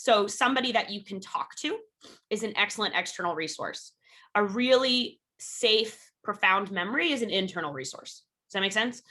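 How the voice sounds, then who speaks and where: Teaching self-defense from her house via video call, a woman gives live workshop instruction in a medium-pitched, bright, forceful voice. She's candid and encouraging, uses lots of "um" fillers, and energetically calls out cues for the drills.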